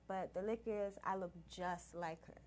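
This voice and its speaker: A soft-spoken woman from Maryland, a guest singer talking quietly on a radio show. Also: fairly low pitch, steady tone, normal speed, slight background noise. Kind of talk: casual studio chat.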